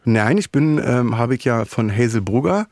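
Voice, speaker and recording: A man's voice: mid-range voice, expressive, normal speed, darkish tone, no room sound, clean studio sound. Blunt, teasing man with a Berlin accent. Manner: teasing, blunt, often interrupts. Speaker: podcast host. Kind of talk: casual interview chat. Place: podcast studio.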